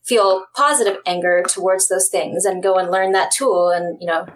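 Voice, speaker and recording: A woman guest on a casual roundtable, thinking aloud in a measured, hesitant way with plenty of fillers. Her voice sits at a middling pitch for a woman. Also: steady tone, poor audio. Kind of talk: casual chat.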